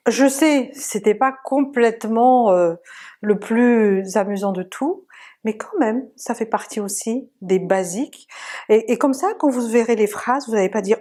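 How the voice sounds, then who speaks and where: Woman, pronunciation teacher, slow unhurried delivery, patient, repeats each sound. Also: on the high side, mellow. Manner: patient, drills sounds slowly and repeats examples. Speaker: language teacher. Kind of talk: pronunciation lesson.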